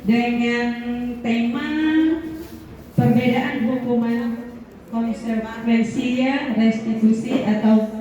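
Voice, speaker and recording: A woman moderator warmly praising and teasing speakers as she introduces them. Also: a little high, flat delivery, takes it slowly, a little hiss or hum. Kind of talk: emceeing a training session. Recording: echoey room, distant mic, dull sound.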